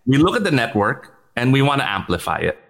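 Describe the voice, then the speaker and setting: A man guesting on a podcast as a startup executive, speaking at a mid pitch. He talks quickly, laughs often, trips over repeated words and mixes into his English. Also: sing-song, gravelly, a bit bright. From Philippines. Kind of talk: casual interview chat.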